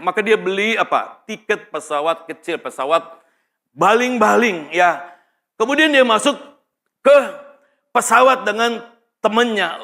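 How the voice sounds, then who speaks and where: A man preaching a sermon as a pastor, telling a story and asking his listeners questions as he goes. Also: on the high side. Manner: animated storyteller, asks the congregation questions.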